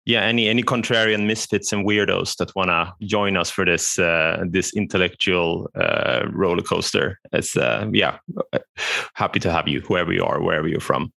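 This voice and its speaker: A man's voice: low voice, normal speed, vocal fry, bright, forceful tone, no room sound. A man from Sweden co-hosting a casual podcast, wry and joking, often stumbling and restarting his sentences. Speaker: podcast co-host.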